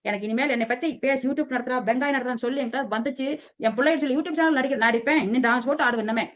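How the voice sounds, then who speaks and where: A woman's voice: high voice, racing, a bit bright. A middle-aged woman vlogger from southern India, scolding and defiant as she rants to the camera about family gossip. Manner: heated, defiant, scolding, repeats "சரியா?". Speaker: lifestyle vlogger. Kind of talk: angry personal rant to camera. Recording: dull lo-fi audio.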